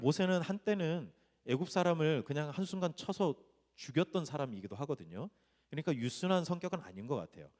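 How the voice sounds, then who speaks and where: A man's voice: mid-range voice, darkish tone. A male pastor giving a conversational sermon and asking the congregation rhetorical questions. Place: church sanctuary. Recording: reverberant church hall.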